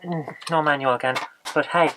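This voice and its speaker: A tired vlogger talks in a mid-pitched voice. The delivery is casual and rambling, often searching for the next word, with low energy throughout. Noise sits behind the voice on the recording. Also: moderate pace. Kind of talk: casual vlog chat.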